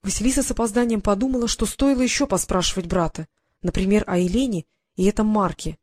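A woman narrating a novel aloud in a steady storytelling voice. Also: medium pitch, fast talker, no room sound. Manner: steady storybook reading, quietly acts out the dialogue. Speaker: audiobook narrator. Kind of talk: scripted narration.

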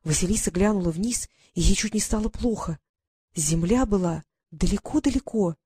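A woman narrating a children's fantasy audiobook in an even, measured storytelling manner. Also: mid-range voice, breathy edge. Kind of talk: scripted narration.

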